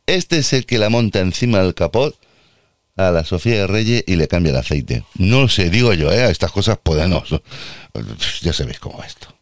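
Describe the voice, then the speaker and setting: A man's voice: sits low, lively intonation, moderate pace, dry recording. A man hosting casual commentary on music videos, joking and rambling in asides. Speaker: host reacting to music videos.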